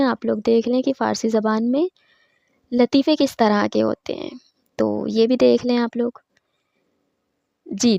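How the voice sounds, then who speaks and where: A woman teaching Farsi with a Pakistani Urdu accent, reading Farsi lines slowly and then explaining them in a brisker, chatty way. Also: on the high side, gravelly, warm tone, dry recording, highs cut off.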